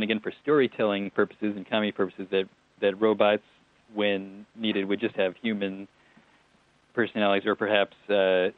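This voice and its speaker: A TV writer-producer with a lowish voice gives relaxed interview answers about a show he made. He's chatty and digressive, with small laughs and restarts. The recording is dry and comes over a tinny phone line.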